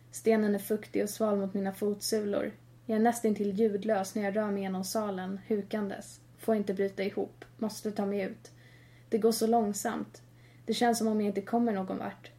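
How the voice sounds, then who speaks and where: Mellow woman reading a horror story. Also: mid-range voice. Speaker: narrator.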